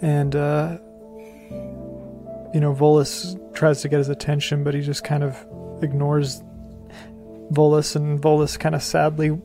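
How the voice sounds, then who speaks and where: A man with a fairly high but mellow voice narrates his character's quiet moment. He speaks slowly and evenly, with little rise and fall. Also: completely flat delivery, faint music behind. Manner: slow, measured narration. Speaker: player. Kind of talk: tabletop game play.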